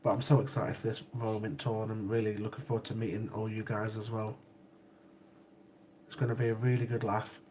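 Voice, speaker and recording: A man with a cold hosts a casual livestream, sniffling as he chats with viewers in the live chat, repeating himself often and laughing easily. His voice is lowish and dark, with little pitch movement and a fairly quick pace. There's a little hiss or hum.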